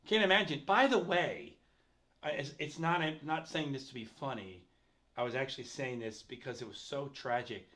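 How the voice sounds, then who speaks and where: A middle-aged man hosting a casual livestream chat, animated and reading viewer comments aloud. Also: mid-range voice, normal speed. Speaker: host.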